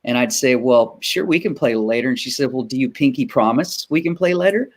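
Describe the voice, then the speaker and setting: A man's voice: medium pitch, expressive, a little fast. Rambling man telling a story. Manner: rambling, with many fillers and restarts. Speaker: guest singer-songwriter. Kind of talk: casual storytelling chat.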